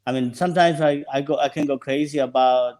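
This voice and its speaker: A man's voice: medium pitch, fairly even intonation, a little fast, darkish tone. A man from El Salvador, a sommelier guest talking casually and searching for his words. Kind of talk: casual interview chat.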